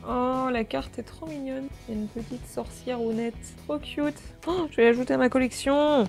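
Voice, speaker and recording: A woman with a slightly high voice and a lot of vocal fry chats through an unboxing video. She is jokey and full of exclamations and throws in the odd swear word. Soft music plays faintly underneath. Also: steady tone, moderate pace. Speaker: beauty vlogger. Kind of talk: casual unboxing chat.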